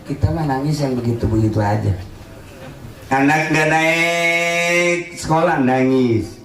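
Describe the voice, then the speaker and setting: A man giving a humorous Islamic sermon as a preacher, swinging between low solemn warnings and high joking asides. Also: measured pace, fairly bright tone. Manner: jokey, mimics congregation members, swings from low solemn to high laughing. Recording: echoey hall.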